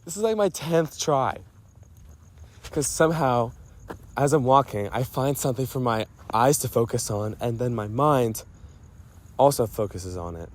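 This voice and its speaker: With a mid-range voice and lively intonation, this man takes his time and pauses often. His rambling voice memo to a friend is casual, playful, and self-deprecating, and he frequently cuts in on himself and strays from the story.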